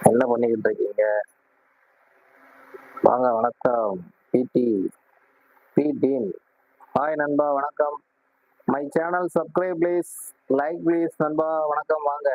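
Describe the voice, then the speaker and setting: A man's voice: a little high, steady tone, slow pace, pauses often. Friendly man live-streaming over a tinny line. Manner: friendly, repeatedly greeting viewers and asking them to like and subscribe. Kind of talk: casual live-stream chat, reading viewer comments. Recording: tinny phone-like sound.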